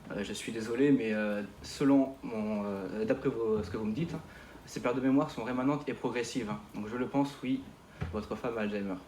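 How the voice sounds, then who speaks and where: A young man plays a family doctor who hesitates and hedges, filling his speech with pauses. The sound is roomy, with a faint background hum. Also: mid-range voice, darkish tone, close to an everyday voice. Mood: earnest. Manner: hesitant, many fillers. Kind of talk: amateur stage sketch. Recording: echoey room.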